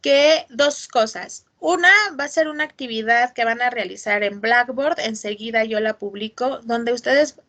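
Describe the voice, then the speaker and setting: A woman teaching an online class, expressive and checking in often with her students. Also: on the high side, moderate pace, few pauses. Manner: expressive, asks for checks with "¿sí?" and "ujú".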